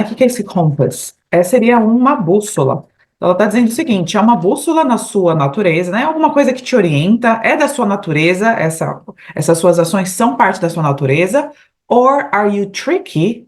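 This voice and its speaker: This Brazilian woman, accented in Brazilian Portuguese, runs an online English lesson with patient explanations and slow repetition of English phrases, frequently tagging on "né?" and "tá?". Her medium-pitched voice is very animated and a little mellow.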